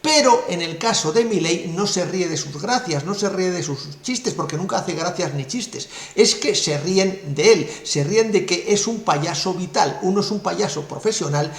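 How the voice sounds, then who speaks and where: Scornful commentator, echoey. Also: male voice, high-pitched, expressive, moderate pace, vocal fry, hardly any pauses. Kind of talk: political commentary monologue. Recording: roomy echo.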